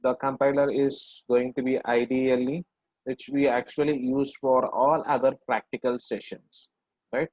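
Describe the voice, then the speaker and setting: A man's voice: mid-range voice, level tone, normal speed, darkish tone, no room sound, low-quality recording. A middle-aged man with an Indian English accent, teaching a hands-on programming lesson step by step and often checking in with "right?". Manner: explains step by step with frequent "right?" and fillers. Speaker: lecturer.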